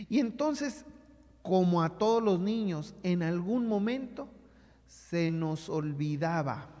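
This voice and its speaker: A man's voice: fairly high pitch, darkish tone. A man preaching a sermon as a pastor, telling a childhood story and acting out the voices in it. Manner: storytelling, acts out voices of his mother and himself as a child. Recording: long hall reverb.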